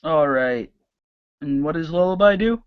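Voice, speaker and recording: A game master narrating a casual tabletop game, lively and halting, with many restarts. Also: medium pitch, smooth, lo-fi sound.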